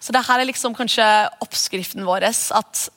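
A woman's voice: on the high side, a bit bright. A woman in her thirties, a pastor, preaching an earnest, conversational sermon and praying. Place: church hall. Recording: long church reverb.

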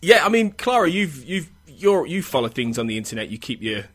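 A man with an English Midlands accent hosting a casual podcast discussion in a hesitant, halting way. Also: a little high, sing-song, a bit bright, husky. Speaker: podcast host.

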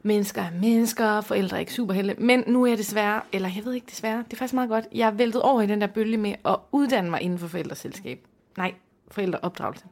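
A woman's voice: mid-range voice, darkish tone. A woman co-hosting a casual chat, explaining her ideas in a thoughtful way and laughing at herself. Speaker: podcast co-host.

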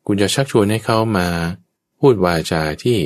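A man's voice: on the low side, moderate pace. A man, a Buddhist monk, giving a patient, explanatory Dharma talk in conversation and now and then acting out everyday speech as examples.

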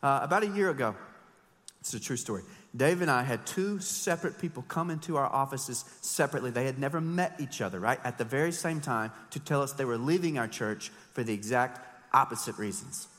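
A man in his thirties, a pastor preaching an animated, joking sermon with emphatic storytelling. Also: mid-range voice, fairly quick, long reverb tail. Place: church sanctuary.

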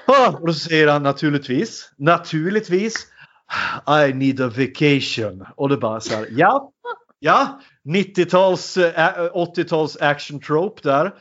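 A man's voice: a little high, animated, fairly bright tone, lo-fi sound. A man in a casual chat, animatedly retelling a film with many fillers.

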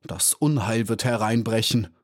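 A man's voice: on the low side, a little slow, no room sound, clean studio sound. A man voicing a friendly, agitated young male drone bee with an urgent manner, in a storybook reading. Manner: excited, urgent.

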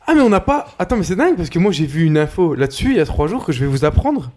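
A man's voice: fairly high pitch, sing-song, rapid-fire, a little mellow. A man co-hosting a casual podcast, eagerly cutting in to share what he has heard. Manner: eager, cuts in to share news. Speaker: podcast co-host. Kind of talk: casual chat among friends.

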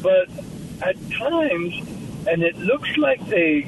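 A male caller on the phone to a talk show, telling a slow, rambling story. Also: high-pitched, sing-song. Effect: over the phone. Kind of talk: call-in question and anecdote. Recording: distant noisy phone line.

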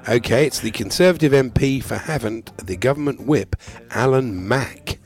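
A man's voice: mid-range voice, moderate pace, darkish tone, faint music behind. A man acting as quizmaster in casual comedy banter, reading out names and telling dry jokes.

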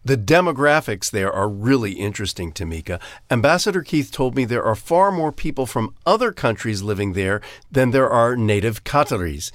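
A man co-hosts a scripted radio feature, upbeat and storytelling. His pitch rises and falls a lot, and his voice sounds dry and close to the mic. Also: animated, moderate pace, few pauses, dry recording. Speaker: co-host.

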